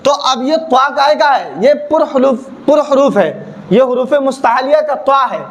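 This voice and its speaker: A man's voice: extremely high pitch, lively intonation, moderate pace, lo-fi sound. A man teaching a recitation lesson, drilling with repeated questions and answers and exaggerating heavy and thin sounds to show the difference. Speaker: religious teacher.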